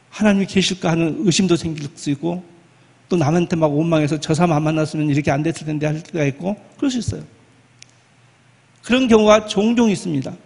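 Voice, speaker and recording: Male pastor mid-sermon, lively and conversational, husky tone, church hall echo. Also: sits high. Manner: animated, acts out quoted dialogue, rhetorical questions. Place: church sanctuary.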